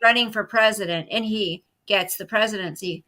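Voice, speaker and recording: Woman, middle-aged, bright voice, emphatic, indignant, casual talk-show chat. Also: mid-range voice, moderate pace, low-quality recording. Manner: emphatic, indignant, repeats phrases. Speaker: co-host. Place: at home, live stream.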